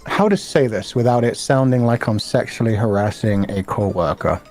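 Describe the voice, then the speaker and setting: A man's voice: on the low side, normal speed, a little mellow, soft background music. A man joining a friend's stream as a guest, chatting casually in a playful, teasing, joking way.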